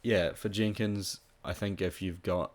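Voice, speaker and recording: A man with a nasal voice from being a bit sick, talking through fantasy tips in a relaxed, casual way with plenty of ums. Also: deep voice, unhurried. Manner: relaxed, with frequent ums and restarts. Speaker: fantasy football tipster. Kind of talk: casual solo analysis.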